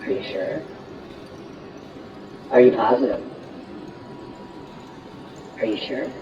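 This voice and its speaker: A man's voice: medium pitch, takes it slowly. Older man heard through a doorbell camera. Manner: repetitive, rambling and insistent. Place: outdoors at a front door. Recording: muffled distant doorbell camera audio with noise.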